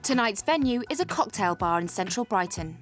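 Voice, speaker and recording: A woman giving scripted documentary narration in a brisk, even manner. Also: medium pitch, soft background music.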